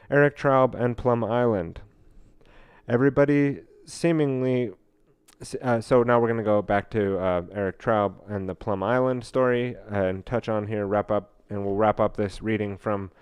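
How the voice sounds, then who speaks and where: A man's voice: on the low side, smooth, no room sound. A man hosting a podcast, reading a book passage aloud and commenting on it, often stumbling with fillers and restarts. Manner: halting, many fillers and restarts while reading. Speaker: podcast host.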